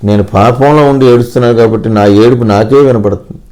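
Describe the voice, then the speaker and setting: A man's voice: mid-range voice, fast talker, a little mellow. A man telling his personal testimony, in an earnest, dramatic storytelling manner that quotes family members and scripture. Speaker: testimony speaker.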